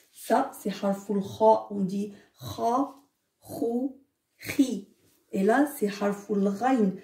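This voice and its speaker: A woman teacher leads a remote alphabet lesson for children with patient, unhurried care. Her voice is a touch high, gravelly, and sits back from the mic. The room around her is echoey. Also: mellow, far from the mic. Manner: patient, slow, checks in with the children.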